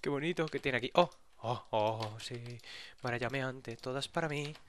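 A man's voice: mid-range voice, moderate pace, a little hiss or hum. A man with a Spain Spanish accent giving casual, chatty commentary while exploring a game, talking to himself out of curiosity. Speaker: gaming YouTuber.

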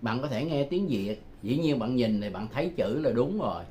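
A man's voice: medium pitch, expressive, moderate pace, mellow. An older man gives a home-made language lesson, patiently repeating phrases to drill pronunciation. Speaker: language teacher. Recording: muffled home recording with background noise.

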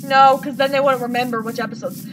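A woman's voice: sits high, steady tone. A young woman hosting her channel, chatting casually and playfully while gaming with a friend, often giggling. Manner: giggly, playful, quick to joke. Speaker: channel host. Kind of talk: casual gameplay chat. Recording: distant mic with loud background noise.

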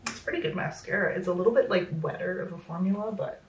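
A woman in her thirties chats quickly in a lowish voice through a home makeup tutorial, poking fun at herself and using many fillers. She's slightly losing her voice, which sounds a bit worn. Recorded indoors in a small room, the sound is roomy and echoey, with her a bit away from the mic.

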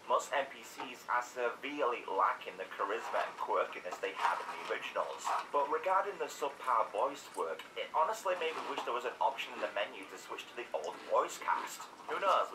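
A man's voice: medium pitch, big pitch swings, brisk, hardly any pauses. A man narrating a scripted critical game review in a sarcastic, opinionated way. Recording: echoey room, distant mic, faint noise.

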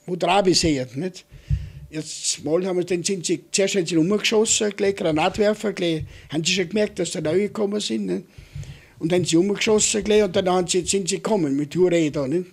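Gravelly old Vorarlberg veteran recalling. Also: male voice, sits high. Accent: Vorarlberg Austrian German. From Vorarlberg, Austria. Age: older. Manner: halting, repeats words and keeps adding "nicht?". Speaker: war veteran interviewee. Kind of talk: oral history recollection.

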